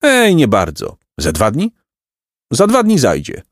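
A man's voice: medium pitch, huge pitch swings, measured pace, no echo, clean studio sound, voice pushed up. A man voicing a cheerful, good-natured peasant who talks in a hearty, simple-hearted, laughing way, in a storybook reading. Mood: sly, joking.

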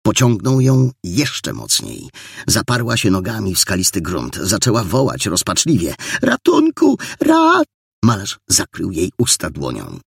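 Guy reading an audiobook, gravelly husky voice, dramatic lively delivery. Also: sits low, normal speed, no room sound, studio quality. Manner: dramatic storytelling. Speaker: audiobook narrator. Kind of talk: scripted narration.

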